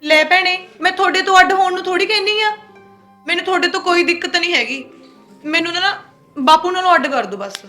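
Give me a woman playing a defiant young wife, very high-pitched and quick. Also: bright, forceful tone, faint music behind. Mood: arguing. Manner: fast, argumentative retorts. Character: sharp-tongued young wife, quarrelsome and defiant. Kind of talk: village family short-film acting.

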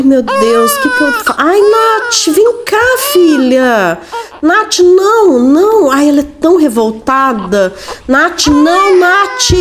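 A woman's voice: high voice, noisy background. A woman playing a frantic, desperate mother. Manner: frantic and pleading. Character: desperate mother of a crying little girl. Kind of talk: game role-play voice-over. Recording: background music under the voice.

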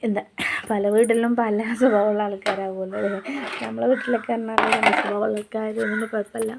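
A woman's voice: mid-range voice, level tone, brisk, gravelly, heavy background noise. A young woman, chatting homely voice-over narration for her family vlog and addressing viewers directly. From Kerala, India. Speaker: family vlogger.

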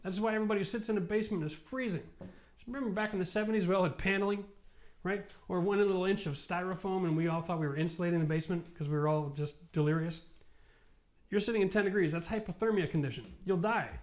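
Talking fast into a lapel mic, a Canadian man in his forties hosts as a renovation expert, explaining home renovation at a whiteboard on an indoor studio set. There's tiredness in his slightly high voice, but his animated, emphatic delivery swells into passionate rants.

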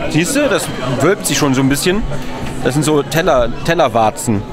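A fairly high-voiced man in his thirties riffs through a goofy travel vlog, hamming it up like a fake tour guide. He holds the camera close at arm's length while wandering shops and streets. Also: lively intonation, normal speed, over loud music, a loud crowd. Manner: playful, mock-tour-guide clowning. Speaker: vlogger. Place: outdoors and in shops in a city.

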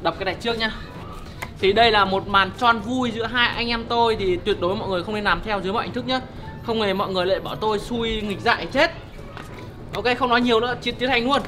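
Fast-talking young man. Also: high voice, over music. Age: young adult. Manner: chatty, upbeat, addresses viewers directly. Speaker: vlogger host. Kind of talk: casual prank vlog talk to camera. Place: outdoor yard and indoor storeroom.

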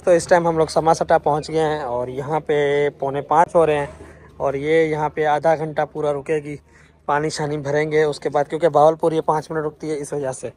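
The recording is poor, carrying a slightly high, darkish male voice with flat delivery at a moderate pace. He's a Pakistani Urdu-accented vlogger filming a train trip on the platform and in the carriage, chatting and teasing as he goes.

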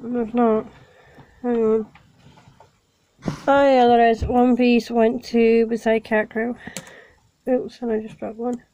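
A woman with a sniffly cold, calmly narrating each step of building a small toy set in a casual vlog. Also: a little high, slow, pauses often, highs cut off. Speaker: toy vlogger. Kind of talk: casual unboxing and building walkthrough.

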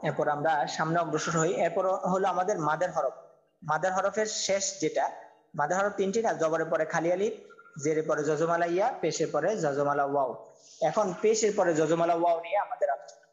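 A man teaching an online tajweed class, who spells Arabic letters and vowel marks one by one in a slow, repetitive chant. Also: a little high, dull audio. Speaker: Quran recitation teacher.

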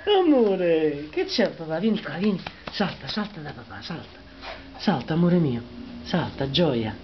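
A man's voice: fairly high pitch, sing-song, a little slow, slight background noise. A man at home talking affectionately to his dog in cooing baby talk. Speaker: dog owner. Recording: dull lo-fi home recording with music behind.

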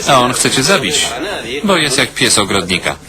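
A man reading a voice-over for a TV drama, voicing every role in one steady voice without acting. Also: mid-range voice, normal speed. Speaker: voice-over reader. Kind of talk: Polish-style single-voice TV voice-over reading.

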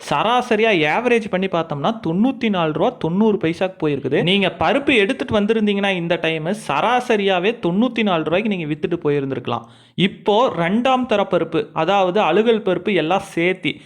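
A man giving an informal, explanatory market price report as a channel host. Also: sits high.

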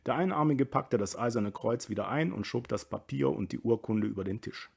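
A man reading a novel aloud in a quiet, low-key narrating voice. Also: fairly quick, gravelly, breathy edge. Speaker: reader.

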